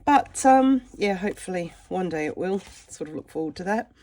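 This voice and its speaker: A middle-aged woman with a croaky voice from a cold, chatting casually and a little ramblingly as she talks through her art. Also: fairly low pitch, animated, normal speed, mellow. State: has a cold. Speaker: art vlogger, mixed media artist. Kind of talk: casual chatty sketchbook walkthrough.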